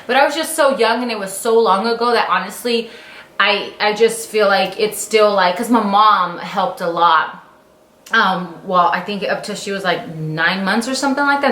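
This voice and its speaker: A woman in her late thirties talks casually to her channel, rambling along with plenty of fillers and self-corrections. Her pitch sits in a middle range, and the room adds a clear echo around her voice. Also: bright, forceful tone. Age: 30s. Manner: rambling, many fillers and restarts. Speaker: vlogger. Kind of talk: casual story-time chat. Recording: roomy echo.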